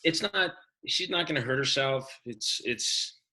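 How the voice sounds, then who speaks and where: A man's voice: medium pitch, animated, unhurried, a loud crowd, low-quality recording. A middle-aged man co-hosting a podcast, casually giving fatherly parenting advice in a firm, practical way. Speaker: podcast co-host. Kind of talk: casual chat.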